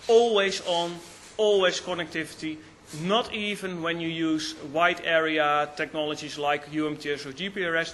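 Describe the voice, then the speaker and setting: A man chairing a conference session, introducing the next speaker in an unhurried way with frequent fillers. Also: fairly high pitch, pushed and bright, slight background noise.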